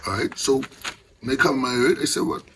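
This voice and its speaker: An older Rastafarian man with a Caribbean accent speaks in an impassioned, informal Rasta manner, full of patois phrasing. His pitch sits in a middle range for a man. There is light ambient noise around him. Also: moderate pace. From the Bahamas. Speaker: Rastafarian elder.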